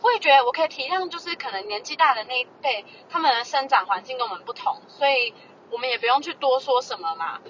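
Sex: woman. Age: early 20s. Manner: animated, exasperated storytelling. Pitch: high. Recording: dull lo-fi. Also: fast talker. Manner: animated, exasperated, mimics other people's voices. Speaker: podcast co-host. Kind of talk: casual chat, ranting storytelling. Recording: dull lo-fi audio with faint noise.

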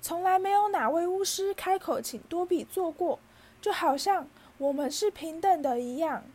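A woman voicing a small servile male house-elf in a storybook reading, high and shrill, humbly calling everyone sir. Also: lively intonation, moderate pace, a little mellow. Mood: tearful. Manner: humble, keeps saying sir.

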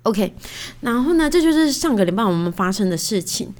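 A woman in her thirties hosting a casual solo podcast, telling stories in a chatty, animated way with lots of fillers. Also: medium pitch, a little fast. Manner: chatty, animated, indignant retelling; many fillers like "you know". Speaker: podcast host.

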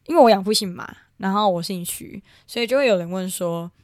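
A woman's voice: mid-range voice, a little fast, darkish tone, dry recording, studio quality. A young woman from Taiwan telling a personal family story in casual chat, rambling with many fillers and restarts. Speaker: guest.

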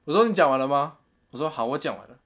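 Fast-talking man. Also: a little high. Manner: animated retelling with quoted voices and laughs. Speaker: storyteller in a chat. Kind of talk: casual chat.

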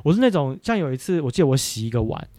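Fast-talking podcast host. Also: male voice, a little high, dry recording. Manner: animated, exaggerating storyteller. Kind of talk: casual chat.

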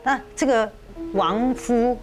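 A woman, co-hosting a podcast and telling a ghost story in an animated, conversational way. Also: fairly high pitch, slow, music in the background. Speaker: podcast co-host.

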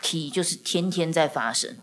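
A woman's voice: deep voice, moderate pace. A woman, a podcast host telling stories in casual conversation and acting out dialogue. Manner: animated, acts out dialogue with frequent laughter. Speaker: podcast host and communication teacher.

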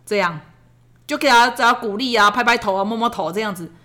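A mother chats casually about raising her kids in a fairly high, lively voice. She tells her stories in a chatty way and slips into the voices of the people in them. The delivery has the easy feel of a personal podcast. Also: fast talker. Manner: lively, chatty, acts out quotes. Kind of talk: casual storytelling chat.

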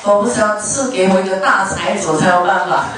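A woman's voice: mid-range voice, a little fast. A woman Buddhist dharma master giving a chatty sermon, joking with her audience in a lecture hall. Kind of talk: conversational sermon. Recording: very echoey hall, mic far off, faint noise.

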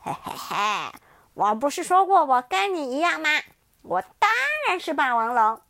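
A woman's voice: sits high, expressive, moderate pace, fairly bright tone, dry recording, clean studio sound, voice pushed up. A woman voicing a menacing adult male tyrannosaurus who taunts and laughs in a storybook tale. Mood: taunting.

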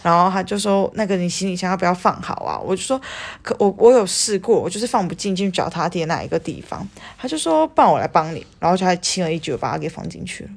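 A young Taiwanese woman tells a story on a podcast in a lowish voice with a gravelly edge. She acts out her own lines and drops casual curses as she goes. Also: animated, quick pace, few pauses. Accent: Taiwanese Mandarin. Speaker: podcast co-host.

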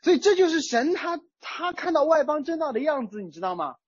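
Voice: high voice, very animated, brisk, no echo, highs cut off. A preacher giving a sermon in a conversational way, using everyday examples. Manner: conversational, uses everyday chat-group analogies. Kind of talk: sermon on a psalm.

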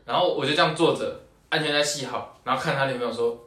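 A young man, co-hosting a podcast with quick, joking banter and casual stories. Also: mid-range voice, a bit bright. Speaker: podcast co-host. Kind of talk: casual chat storytelling. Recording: roomy echo.

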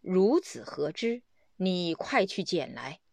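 Lady putting on a grumpy old immortal guy, scolding, slow and lively. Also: on the low side, creaky, no room sound, exaggerated voice. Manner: scolding, lofty old speech. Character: old male immortal, gruff and testing.

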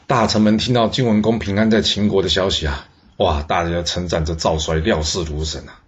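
A man telling a historical tale in a lively way, exclaiming and speaking asides to the listeners. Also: deep voice, a little fast. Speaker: storyteller. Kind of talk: historical storytelling. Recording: dull lo-fi recording.

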